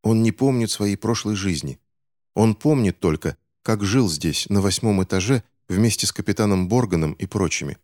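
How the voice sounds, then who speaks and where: A man's voice: lowish voice, lively intonation, moderate pace, a little mellow, no echo, clean studio sound, lightly acted. A man voicing a gloomy, earnest boy in an audiobook, blunt and serious. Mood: grave.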